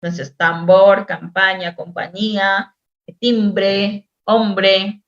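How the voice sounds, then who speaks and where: A woman teacher-therapist giving a lecture on spelling intervention, explaining patiently, repeating words and drawing out sounds slowly as examples. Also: mid-range voice, flat delivery. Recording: echoey room, dull lo-fi sound.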